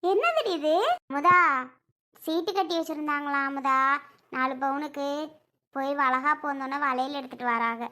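A woman's voice: high-pitched, moderate pace, long pauses, sharp tone. A woman acting in a family skit, chiding and emotional as she talks to several relatives. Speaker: skit actor.

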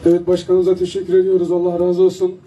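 A hoarse middle-aged man presenting at a rally, addressing the crowd. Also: high voice, completely flat delivery, fast, a little hiss or hum. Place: outdoor square, stage with PA. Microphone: handheld mic, filmed by far camera. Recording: distant mic, outdoor loudspeaker sound.

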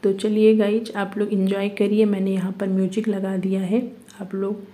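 A woman's voice: medium pitch, level tone, moderate pace, warm tone. A young woman with a Uttar Pradesh Hindi accent narrating her family vlog in a chatty way, full of filler words. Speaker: vlogger.

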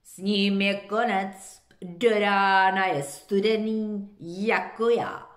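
A woman's voice: medium pitch, steady tone, roomy sound, close to an everyday voice. A woman doing a gloomy, grumbling frog. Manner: grumbling, blunt. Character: cold gloomy complaining frog.

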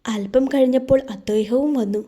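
A woman voicing a gentle, grieving young wife in an audio story, speaking softly and hesitantly. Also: on the high side, moderate pace, close to an everyday voice. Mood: hurt, pleading.

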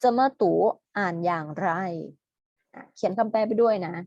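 A woman with a Thai accent teaching Chinese, saying each word slowly twice so students can repeat it. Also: medium pitch, darkish tone, dry recording, highs cut off. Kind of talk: language lesson, slow model pronunciation.

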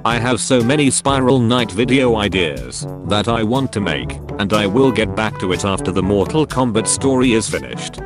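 Male text-to-speech voice, somewhat low, flat robotic delivery over steady background music. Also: moderate pace, hardly any pauses. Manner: flat, evenly paced computer reading. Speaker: YouTuber giving a channel update. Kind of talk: text-to-speech channel update.

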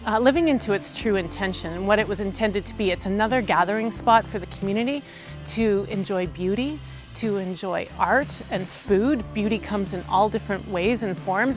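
A woman speaks earnestly as a farm partner of the restaurant. Her voice is mid-pitched, and faint music runs underneath. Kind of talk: documentary interview.

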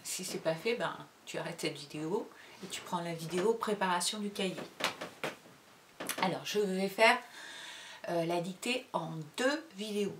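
A woman teacher giving a slow dictation to young pupils, calling out each syllable loudly and patiently. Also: lowish voice, roomy sound, far from the mic, a little hiss or hum. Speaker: primary school teacher.

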